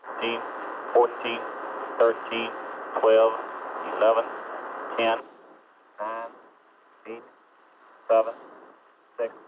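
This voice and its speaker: A man calling the launch count over a noisy, breaking-up radio link in flat, steady tones. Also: mid-range voice, slow pace, pauses often. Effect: noisy, breaking-up radio transmission. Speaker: launch controller. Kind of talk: archival mission radio loop. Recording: tinny, noisy archival radio loop.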